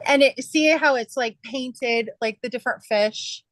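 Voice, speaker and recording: A woman's voice: fairly high pitch, a little slow, fairly bright tone, no echo, low-quality recording. Chatty middle-aged woman, dry sound. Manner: rambling storyteller, many fillers and restarts. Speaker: quilter sharing her sewing. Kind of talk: casual chat.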